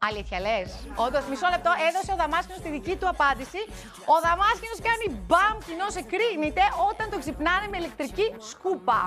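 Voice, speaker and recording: A woman's voice: extremely high pitch, sing-song, bright, forceful tone, faint music behind. A young woman hosting a daytime TV show, chatting playfully to camera and teasing her crew in a studio. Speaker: TV show host. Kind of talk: lively studio chat to camera.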